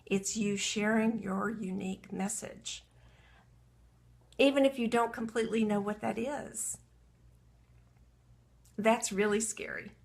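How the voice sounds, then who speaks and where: A woman with a gravelly edge to her voice leads a live coaching talk at an unhurried pace. She speaks earnestly and reflectively, reading entries aloud from her journal as she guides a writing exercise. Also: medium pitch, fairly even intonation, darkish tone. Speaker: coach for women entrepreneurs.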